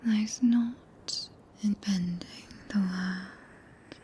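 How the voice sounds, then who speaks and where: A British woman voicing a tender, possessive, regal witch in a breathy, intimate whisper for an ASMR roleplay, speaking archaic English close to the microphone. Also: mid-range voice, steady tone, a little hiss or hum. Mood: solemn, devoted. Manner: slow, hushed, intimate, solemn. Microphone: close binaural microphone.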